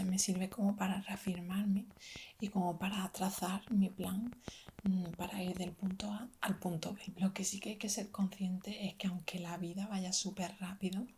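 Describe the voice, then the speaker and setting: Whispered ASMR pep talk, mellow Spanish woman. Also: medium pitch. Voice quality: breathy whisper. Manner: gentle, reassuring, addressing the listener as a friend. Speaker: ASMR video creator.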